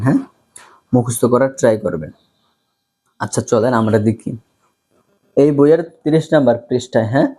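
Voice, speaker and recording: A man's voice: medium pitch, dark tone. A man teaching English vocabulary, patiently repeating each word several times for students to copy. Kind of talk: slow vocabulary lesson, repeat-after-me drills.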